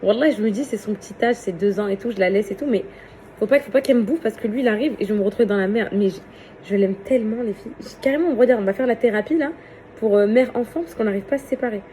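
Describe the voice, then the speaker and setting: A woman influencer in a casual phone story, chatting to her followers in a slangy, lively way, laughing often, outdoors in a residential complex. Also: mid-range voice, quick pace, a little hiss or hum.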